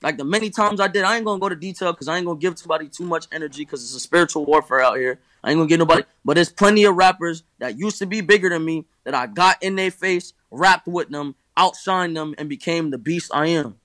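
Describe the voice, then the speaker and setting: A man's voice: on the high side, fast, few pauses, bright, forceful tone, dry recording. A nineteen-year-old man in candid conversation, talking emphatically and profanely, repeating himself and ending lines with "bro". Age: teens. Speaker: rapper guest.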